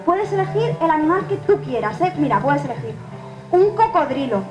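High-voiced young woman magician, echoey room. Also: big pitch swings, normal speed. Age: young adult. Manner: playful, repeats words, coaxes the crowd. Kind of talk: lively stage patter with an audience. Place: care home common room, indoors. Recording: echoey room with music behind.

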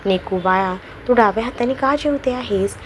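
A woman voicing a kind middle-aged mother who speaks softly. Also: on the high side, normal speed, slight background noise, natural voice. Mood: gentle. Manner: soft-spoken, smiling.

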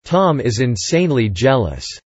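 A speaker reading short phrases slowly and carefully for language learners. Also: mid-range voice, sing-song, a little mellow, breathy edge, no room sound, dull audio. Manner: deliberately slow, carefully articulated. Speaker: English phrase reader.

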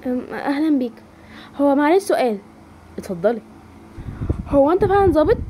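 A woman's voice: big pitch swings, fast, mellow, a little hiss or hum. A woman voicing a timid, stammering young woman. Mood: shy, grateful. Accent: Egyptian Arabic. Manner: stammering, high and fearful. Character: timid young woman, frightened then shy.

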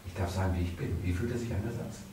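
A male coach leads a live session in front of a group, playful and provocative. His voice sits on the lower side. It is caught from a distance in a very echoey room with a clear hiss underneath. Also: fast talker. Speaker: coach and therapist. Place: seminar room.

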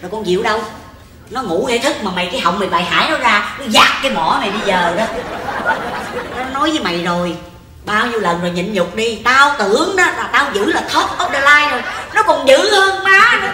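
A woman with a Southern Vietnamese accent playing a blunt, grumbling middle-aged mother in a live stage comedy sketch, coarse and scolding, with quick comebacks. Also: on the high side, lively intonation, crowd noise, close to an everyday voice. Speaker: comic stage actor. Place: large theater stage. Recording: echoey stage with audience noise. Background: audience laughter.

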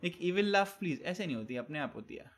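A man's voice: a little high, expressive, fast, fairly bright tone. A young man live-streaming, reading out viewer chat with teasing banter and tossing in English catchphrases. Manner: mixes English catchphrases into Hindi. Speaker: game streamer.

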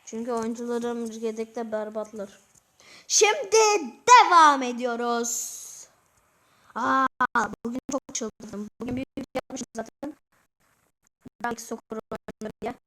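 A teenage girl hosting her own channel, giving casual commentary over a football video game, shouting excitedly at goals and misses. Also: fairly high pitch, measured pace. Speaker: gaming channel host.

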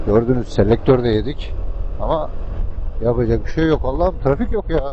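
A man's voice: medium pitch, lively intonation, fairly quick. A man giving casual, rambling and colloquial commentary to viewers from inside a helmet while riding a scooter in traffic. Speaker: motovlogger. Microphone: helmet-mounted microphone. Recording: muffled helmet mic, loud engine and road noise. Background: vehicle and traffic noise.

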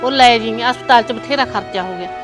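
An actress playing a gentle elderly mother who speaks softly to her sons. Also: a little high, brisk, over music, close to an everyday voice. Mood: motherly. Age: older. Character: elderly mother, caring and thankful.

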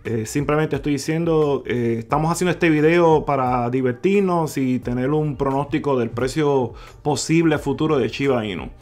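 A man hosting a crypto video, talking viewers through numbers on screen, calling them "mi gente" and repeating figures slowly. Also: medium pitch, darkish tone. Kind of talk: screen-share explainer talk. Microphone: voice-over on screen recording.

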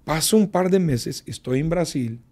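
A man, a pastor, telling a testimony as a radio guest, unhurried, with many fillers and repetitions. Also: on the high side, animated, mellow.

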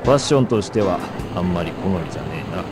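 A man voicing a gruff, wary tough guy in a video game, with rough, blunt, casual speech. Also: low voice, expressive, fast talker. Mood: gruff, cautioning. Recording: music behind the voice.

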